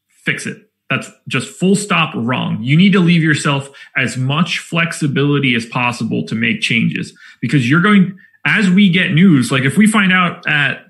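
A man co-hosting a fantasy basketball show, explaining lineup rules step by step in a relaxed chat. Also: on the high side. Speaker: co-host of a fantasy sports show. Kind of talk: casual analytical chat.

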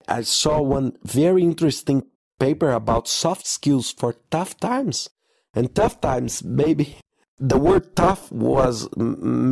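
A man with a hoarse, cold-roughened voice hosts a podcast over a low-quality audio stream. His pitch sits in a middle range, and the sound is dry and close. He speaks haltingly, with repeated words and fillers. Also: darkish tone, no echo. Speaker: podcast host. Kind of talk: conference report podcast.

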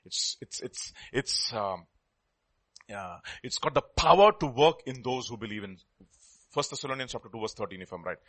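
A man's voice: medium pitch, animated, normal speed, fairly bright tone. A man with a South Indian Telugu accent preaching a sermon in a teacherly way, repeating key words for emphasis and putting questions to his listeners.

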